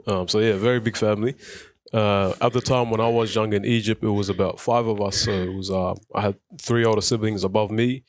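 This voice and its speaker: This guest is a man in his twenties from South Sudan, sharing his personal story in a community radio interview at the studio. He sounds thoughtful but full of fillers and restarts, talking a little fast in a lowish, steady tone. The recording is dry.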